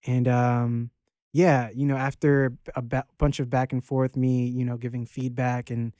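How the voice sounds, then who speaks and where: In a laid-back interview, a thirty-ish rapper from Baltimore, Maryland wanders through his answers with lots of fillers and restarts, swearing now and then. His medium-pitched voice is warm, level and unhurried, recorded at studio quality with no room sound.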